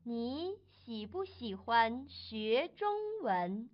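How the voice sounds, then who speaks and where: Lady reading a textbook dialogue part, high and bouncy, really slow, lo-fi. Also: very animated, full character voice. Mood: plain. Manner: very slow, carefully articulated. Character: adult woman named Susan. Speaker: dialogue reader. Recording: dull lo-fi recording.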